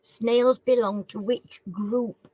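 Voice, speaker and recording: This live chat quiz host speaks informally, repeating the questions she reads out, with slightly slurred, toothless articulation. Her voice is a little high, mellow and slightly rough, steady and slow, in a lo-fi recording without echo.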